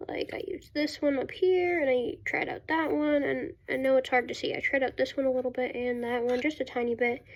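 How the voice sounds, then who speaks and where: A woman vlogging casually as a beauty vlogger, congested with a cold and breathing through her mouth, talking in a halting, self-interrupting way. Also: high voice, darkish tone, muffled recording. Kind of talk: casual chat to camera.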